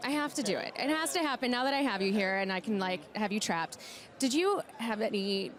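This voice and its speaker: A woman's voice: mid-range voice, animated, a little fast. A woman hosting a live red carpet show with upbeat interview chatter.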